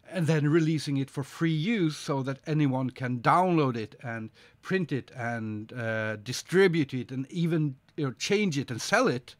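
An artist in his forties streams live from his indoor home studio desk, drawing while he chats slowly with his audience and reads their messages aloud. Sniffly from a slight cold, he muses hesitantly with many ums and uhs, in a mid-range voice.

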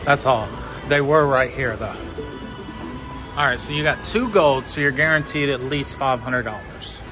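A man gives casual, slow-paced gambling commentary on a casino floor. He speaks in short bursts, counting along and coaching at a medium pitch. Music plays clearly behind him. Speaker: slot machine vlogger coaching a friend. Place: indoor casino floor at a slot machine. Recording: music playing in a busy casino. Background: loud casino machine music.

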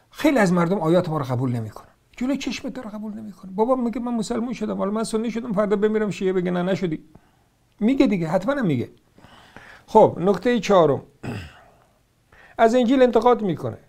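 A man's voice: sits high, darkish tone. A man with an Iranian Persian accent giving argumentative religious commentary, sarcastic and combative, firing off rhetorical questions as he rebuts points one by one.

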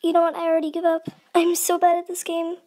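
A young gamer, a video creator, talks fast in a completely flat, darkish tone. A voice-changer makes the youthful voice high-pitched as he delivers casual, dramatic gameplay commentary that playfully pokes fun at himself.

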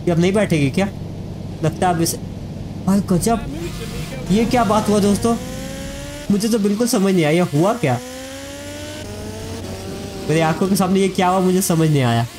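Chatty high-voiced man narrating gameplay. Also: moderate pace, long pauses, noisy background. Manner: chatty, addresses viewers as friends. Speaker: gaming YouTuber. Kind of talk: casual let's-play commentary.

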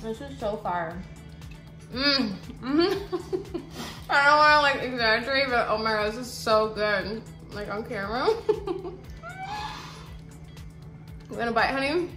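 Woman cook-show host, slow and upbeat, slightly high voice, echoey kitchen, music underneath. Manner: excited, chatty, lots of mm sounds. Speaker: cooking channel host. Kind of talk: casual cooking vlog. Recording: roomy room with background music.

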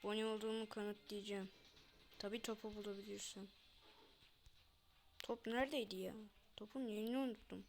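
A woman's voice: mid-range voice, steady tone, moderate pace, creaky, pauses often. A young woman chatting casually to viewers while she plays a game, muttering to herself between lines. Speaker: gamer vlogger. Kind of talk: casual gameplay commentary.

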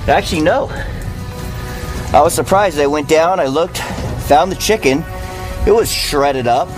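A man's voice: on the high side, measured pace. An American man talking informally in a documentary interview. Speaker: expedition diver. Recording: music behind outdoor interview.

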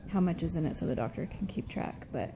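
A middle-aged woman giving a casual update to camera, sounding tired, subdued and weak after surgery, with a gravelly, low-energy voice. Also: expressive, fast talker, dark tone, slight background noise. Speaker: vlogger. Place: small room at home, seated indoors. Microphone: phone at arm's length.

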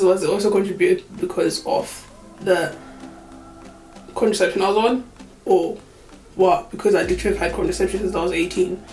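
A twenty-four-year-old woman vlogger chats candidly to a tripod-mounted camera in a small indoor room, laughing often and using many fillers. Her mid-range voice is a little mellow, and the rough recording is reverberant.

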